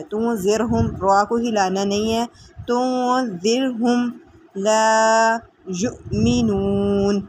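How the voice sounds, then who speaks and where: A woman teaching tajweed, explaining the rules quickly and reciting verses slowly with long drawn-out vowels. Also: a little high, slight background noise. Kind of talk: tajweed lesson.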